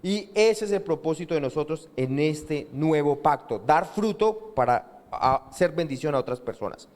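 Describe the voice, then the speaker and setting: A slightly high-voiced preacher with a Colombian accent and a darkish tone gives a sermon at a moderate pace, his intonation lively. He relies on call-and-response, drawing answers from the congregation, in a church hall full of long reverb.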